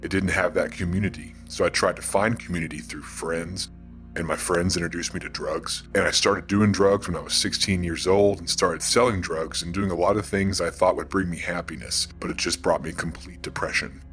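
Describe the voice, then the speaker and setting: Interviewed pastor, male, identity-masking voice effect, sits very low in pitch, plain earnest delivery. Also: fairly even intonation, moderate pace, a bit bright, soft background music. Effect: voice electronically altered to disguise identity. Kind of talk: interview testimony.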